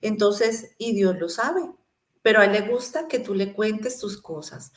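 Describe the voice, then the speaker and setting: A woman preaches a Bible lesson in a mid-range voice, urging the listener on directly and now and then searching for a verse with a soft "eh". Her voice rings in an echoey room. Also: medium pitch. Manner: encouraging, addresses the listener directly. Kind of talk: sermon-style Bible teaching.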